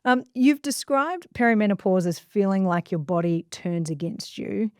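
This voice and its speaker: A woman hosts a relaxed podcast interview and puts questions to her guest in an easygoing way. Her pitch sits in the middle range. The sound is dry and close. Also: normal speed, no room sound. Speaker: podcast host. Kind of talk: casual interview.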